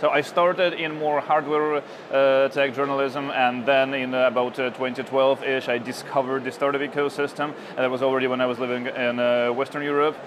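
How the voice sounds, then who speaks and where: A Ukrainian tech journalist in his thirties answers questions at a conference interview, hesitating with many fillers and restarts. His mid-range voice is flat and brisk with hardly any pauses, and background noise is audible.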